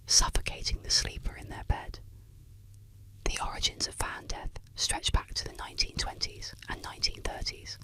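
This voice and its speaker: A narrator telling eerie legends in a breathy, unvoiced ASMR whisper, with scripted, suspenseful delivery. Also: sharp tone, rough recording.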